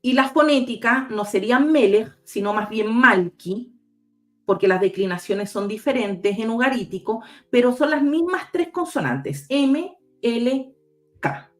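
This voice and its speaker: Patient and teacher-like, a female guest researcher explains material with slides over a video call, spelling out letters one by one. She speaks expressively in a fairly high, unhurried voice while soft music plays behind her.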